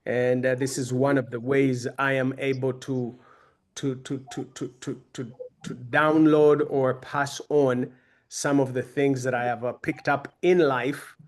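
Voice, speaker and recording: A man, his pitch sitting in an ordinary middle range. He gives a relaxed, conversational talk to young people. He tells his own story with a self-deprecating touch. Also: a little slow. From Uganda. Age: 50s. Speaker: guest speaker.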